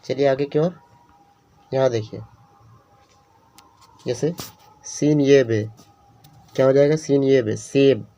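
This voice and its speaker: A man's voice: mid-range voice, takes it slowly, long pauses, warm tone. A man teaching a beginner lesson, spelling out letters and repeating each sound carefully. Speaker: Urdu teacher.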